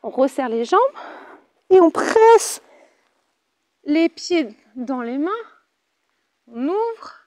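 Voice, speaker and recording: A woman's voice: high voice, sing-song, very slow, long pauses, a little mellow, dry recording, studio quality. A French woman with a French accent leading a Pilates class, cheerful and chatty, counting out the reps. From France. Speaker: Pilates instructor. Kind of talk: guided exercise class.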